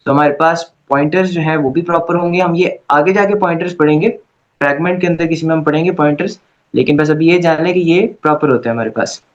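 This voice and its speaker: A man's voice: on the high side, quick pace, dull audio. A man teaching an Arabic grammar class, explaining patiently and often checking in with his students. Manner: patient, repeats "okay" to check understanding. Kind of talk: online class lecture.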